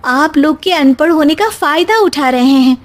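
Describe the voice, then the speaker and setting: A woman's voice: sits high, lively intonation, moderate pace, voice pushed up. A woman voicing an educated, outspoken young daughter-in-law in a story, with an earnest, articulate way of talking. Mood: alarmed, indignant.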